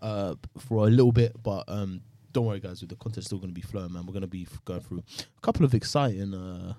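A man's voice: sits low, fast, mellow, dry recording. A young man with a London accent hosting a podcast in a loose, jokey, slangy chat. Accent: London, urban slang. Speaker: podcast host. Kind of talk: casual chat and sign-off to viewers.

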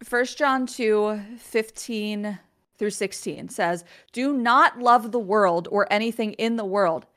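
A woman's voice: mid-range voice, takes it slowly, a bit bright. Woman speaking over a video call. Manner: earnest, filler-heavy, candid. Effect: heard over a video call connection. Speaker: guest co-host on a faith livestream. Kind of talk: casual livestream chat and scripture reading.

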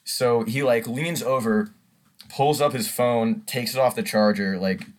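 A man's voice: medium pitch, a little slow. A young man co-hosting a podcast, telling a story casually and acting it out with swearing and laughter. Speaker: podcast co-host. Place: audio-only podcast recording.

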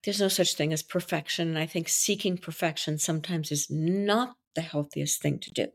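Speaking at normal speed in a voice that sits low, a French-native woman from Belgium describes her work as a wedding coach and officiant on a podcast. She comes across confident, expressive, and theatrical.

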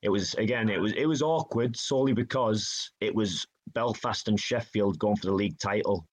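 A low-voiced man from Northeast England appears as a guest, a hockey player, telling stories in a casual interview. He talks at a moderate pace in a chatty, self-deprecating way and quotes other people in dialogue.

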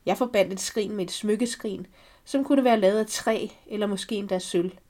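A woman reading a first-person story aloud for a podcast, calm and measured. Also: medium pitch. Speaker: podcast reader.

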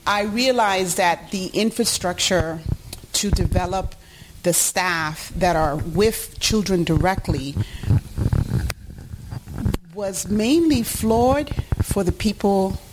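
A middle-aged woman from New York, born in Puerto Rico, appears as an interview guest and founder of a youth education organization, giving earnest, explanatory answers. Her medium-pitched voice moves slowly with frequent pauses, and there is noise in the background.

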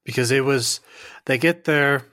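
A man co-hosting a casual podcast, recapping plot events in plain, steady summary. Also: medium pitch, unhurried, no echo, studio quality. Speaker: podcast co-host. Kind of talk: casual chat.

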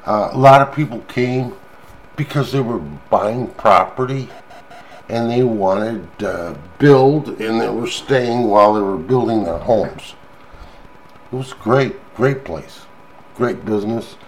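Older American male vlogger, folksy and unhurried, slightly low voice, loose halting chat. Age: older, grandfather. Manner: folksy, chuckling, halting delivery. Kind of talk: rambling casual chat to listeners. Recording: clearly noisy background.

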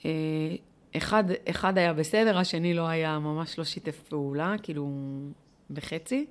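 A middle-aged woman with a somewhat low voice speaks in an interview. She tells a personal story in a heartfelt, searching way. Her talk is full of rhetorical questions and small fillers. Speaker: interviewee, volunteer leader.

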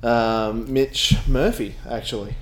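A man's voice: mid-range voice, fairly even intonation, slow pace, a little hiss or hum. A man co-hosting a casual podcast chat as the game master, talking cheerfully with lots of fillers and giggles.

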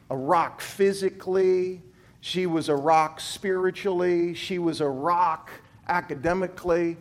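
Guy with a kinda high voice, ex gymnastics coach preaching to students, emphatic, swoops up and down, goes low and quiet on the big lines. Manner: emphatic storytelling, big swings in pitch and loudness; drops low and quiet to land key points. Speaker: former gymnastics coach, speaker.

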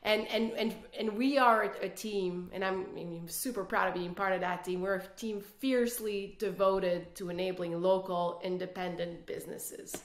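A guest executive on a podcast, this woman from Quebec City, Canada, grew up speaking French. Her medium-pitched voice stays steady at a moderate pace with few pauses, though she earnestly restarts many times. The audio carries a roomy echo.

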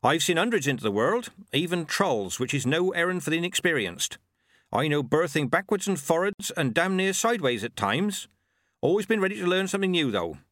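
A man voicing an old village witch and midwife who boasts cheerfully in a high, bouncy voice. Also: sing-song, a little fast, a bit bright, no room sound, clean studio sound. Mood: bustling.

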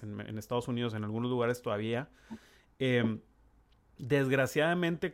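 A middle-aged man speaks in an earnest, halting way, often restarting his sentences. His voice sits at an ordinary pitch as he chats with a guest. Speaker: neurologist podcast host. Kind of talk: conversational interview.

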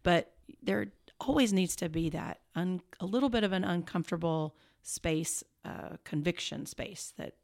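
Slightly low-voiced woman, casual chat. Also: measured pace, gravelly, hardly any pauses, a little mellow. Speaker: podcast co-host. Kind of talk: casual group conversation.

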